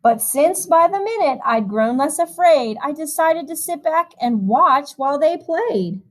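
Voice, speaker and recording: A woman, apparently a music teacher, reads a picture book to little kids in an animated, expressive style, dropping in chatty side comments. Her voice is high and her pace is measured.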